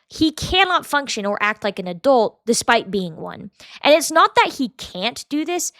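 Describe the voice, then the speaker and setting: A young woman hosting a podcast, giving blunt, profane, animated commentary and sometimes mocking people with quick impressions. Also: on the high side, no room sound, clean studio sound. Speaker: podcast host. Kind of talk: casual commentary.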